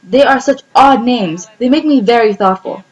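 A woman's voice: moderate pace, darkish tone, dull audio, lightly acted. A woman voicing an anxious, suspicious little female mouse in a storybook reading. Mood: alarmed. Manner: high exclamations, anxious questioning.

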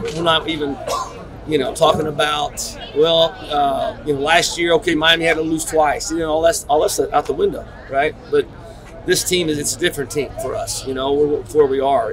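A middle-aged man, a head football coach at a postgame press conference, talking in halting, restarting sentences with many repeats. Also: fairly high pitch, poor audio. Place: concrete-walled stadium corridor. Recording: crowd chatter behind. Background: crowd noise.

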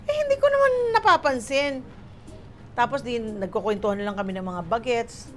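A guest actress from the Philippines chats casually, telling stories animatedly, acting out people's quoted lines and mixing Tagalog with English. Her voice is fairly high at a moderate pace, with slight background noise.

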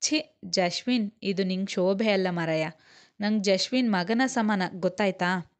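Woman voicing a caring young sister-in-law, gently teasing, mid-range voice. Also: mid-range voice, a little slow, close to an everyday voice. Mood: reassuring. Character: kind young sister-in-law, warm-hearted.

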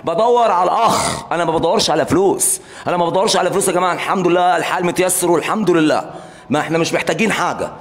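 A man's voice: high-pitched, racing. A man making an impassioned, repetitive plea in a live interview. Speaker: interviewee, brother of a singer.

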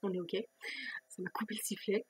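Husky-voiced woman telling a personal story. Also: mid-range voice, little pitch movement, a little fast. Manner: chatty and self-mocking, with frequent laughs and soft whispered asides; restless, repeating questions and restarting phrases. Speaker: vlogger. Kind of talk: casual personal storytelling to camera.

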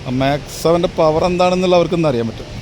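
A man, dropping English words into his speech. It is recorded on a walk outdoors, with clear noise behind him. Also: on the high side, rapid-fire, darkish tone. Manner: mixes English words into Malayalam. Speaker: vlogger. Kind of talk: casual travel vlog narration. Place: outdoors on a forest walking trail. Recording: noisy outdoor walking recording.

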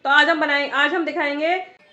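Woman, middle-aged, high voice, bright tone, casual home vlog, phone held at arm's length. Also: fairly even intonation, moderate pace, muffled recording. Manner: chatty, talks to the camera and addresses viewers as "guys". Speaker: family vlogger. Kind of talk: casual vlog chat to viewers. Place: home living room, indoors.

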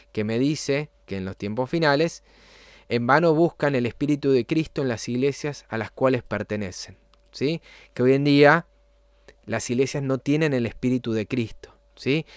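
A man's voice: mid-range voice, clear, resonant tone, dry recording. A man talks through a program on screen in an easygoing tutorial. He keeps checking that the listener is following along. His voice sits in an ordinary middle range, recorded dry and close. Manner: explanatory, often checks in with a quick "¿sí?". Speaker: channel host giving a software tutorial.

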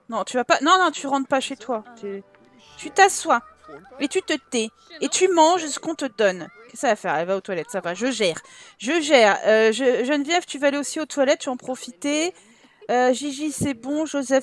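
A woman with a French accent giving casual let's-play commentary, teasing and scolding the characters in her game in an exasperated way. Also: high-pitched. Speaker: gameplay commentator.

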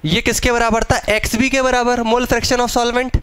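A man's voice: very high-pitched, level tone, a bit bright, smooth, no echo. A young man teaching chemistry in a live classroom lecture, speaking in a casual, teasing way and drawing out key terms. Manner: casual, teasing students, drawn-out stressed terms. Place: classroom with students.

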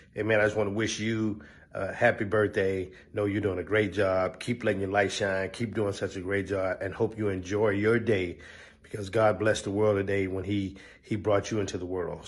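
A man's voice: on the low side, breathy edge. A man giving a heartfelt, faith-minded birthday greeting. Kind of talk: casual recorded birthday greeting.

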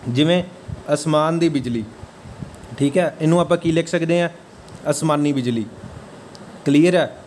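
A man teaching an exam-prep grammar lecture, asking his students again and again whether the point is clear. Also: a little high, moderate pace, pauses often, a little mellow, slight background noise. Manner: checks understanding with repeated questions.

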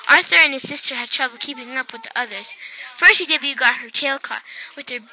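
Woman storybook reader, high and very bright voice, lively read-aloud with quiet speech tags. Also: brisk, slight background noise, rough recording. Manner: lively, lifts her voice for quoted characters and drops it for tags. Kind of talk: reading a children's picture book aloud.

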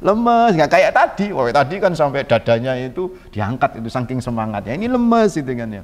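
A man's voice: medium pitch, sing-song, fairly quick. A man giving a sermon, telling a story animatedly and acting out its dialogue with chatty asides. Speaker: religious teacher. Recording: reverberant hall sound.

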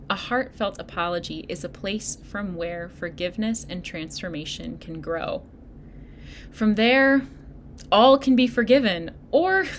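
A woman pastor giving a sermon, speaking in a gentle, encouraging way straight to her listeners. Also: medium pitch, a little hiss or hum. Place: church video recording.

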